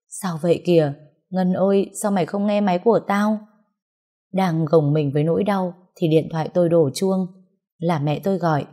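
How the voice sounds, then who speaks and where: A woman narrating a first-person story in a calm, measured way. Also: lowish voice.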